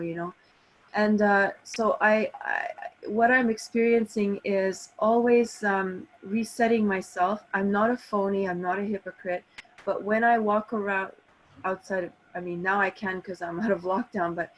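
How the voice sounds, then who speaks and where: On an online call, a middle-aged Canadian massage therapist speaks casually and personally through her laptop, no camera on. Her voice is mid-range, and the recording quality is low.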